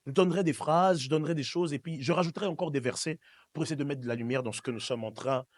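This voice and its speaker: A slightly high-voiced preacher from Switzerland talks fast, with no echo around him. He addresses his congregation directly at a church service, delivering an emphatic, repetitive sermon built on call and response.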